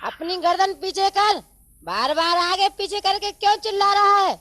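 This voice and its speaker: A man voicing a bossy, shrill housewife in a comedy sketch, speaking in a high falsetto. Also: normal speed, sharp tone. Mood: scolding. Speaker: comic mimicry performer. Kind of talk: comic sketch acting.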